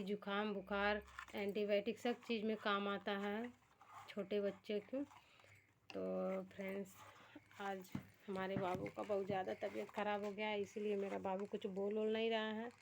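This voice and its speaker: A woman with a Bhojpuri-tinged Hindi accent talks casually into a phone camera at home, keeping to a flat, even pitch. A faint hum of noise sits behind her voice. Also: normal speed. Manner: chatty, addresses viewers as friends. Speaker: family vlogger. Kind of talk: casual home vlog to viewers. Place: home at night.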